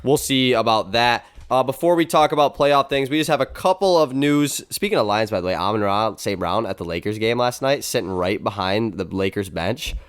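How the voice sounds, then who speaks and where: Young male sports podcast host, congested voice, fairly low and smooth, chatty. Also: animated, brisk, hardly any pauses. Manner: upbeat, chatty with filler words. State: stuffy, congested voice. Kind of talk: casual sports podcast chat.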